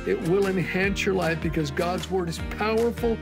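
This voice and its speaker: A man's voice: high-pitched, normal speed, creaky, over music. An older man, a pastor, giving an earnest, conversational Bible teaching that moves into personal storytelling.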